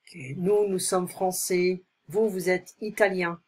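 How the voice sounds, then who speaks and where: A woman teaching in a recorded tutoring lesson, explaining slowly and checking in often with short questions. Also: lowish voice, little pitch movement, a little hiss or hum. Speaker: French teacher.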